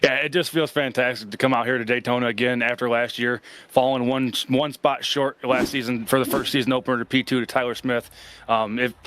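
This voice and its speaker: A man's voice: medium pitch, steady tone, fairly quick, a bit bright, a little hiss or hum. A man who has just won an online race, giving confident, rambling answers about his strategy. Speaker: race-winning sim driver. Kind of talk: post-race interview.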